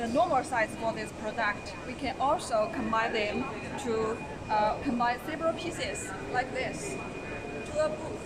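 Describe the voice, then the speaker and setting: A woman giving a live product demonstration, explaining politely and haltingly like a sales presenter. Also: fairly high pitch. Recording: loud noisy trade show floor ambience.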